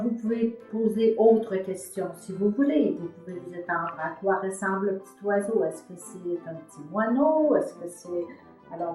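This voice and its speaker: Gentle woman teaching reading. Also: mid-range voice, echoey room. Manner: gentle, patient teacher tone with many fillers. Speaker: author of a reading method. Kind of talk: explaining a teaching method.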